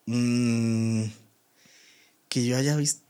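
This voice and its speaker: Young Mexican man, easygoing podcast co-host, slangy, mid-pitched voice. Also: fairly even intonation, warm tone, clean tone. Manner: laid-back, slangy, quick to laugh. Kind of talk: casual chat.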